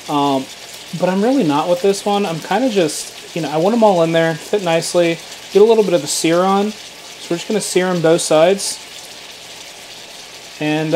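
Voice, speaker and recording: The audio is poor, with a little hiss or hum, as a fairly high-pitched man in his thirties hosts a home-kitchen cooking video. He keeps it relaxed and chatty, using many fillers and some mild cursing.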